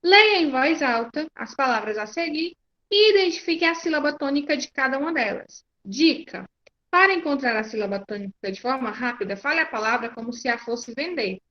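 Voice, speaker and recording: Over muffled, lo-fi video call audio, a Brazilian teacher with a Brazilian Portuguese accent gives an online lesson, patiently and frequently making sure students keep up. She speaks a little fast, her voice sitting high with lively intonation.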